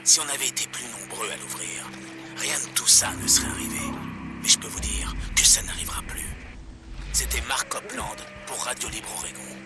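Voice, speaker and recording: An actor playing a fiery anti-government radio host, heard as a pirate radio broadcast in a video game, with loud music underneath. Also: male voice, medium pitch, moderate pace. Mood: defiant. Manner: ranting, preachy.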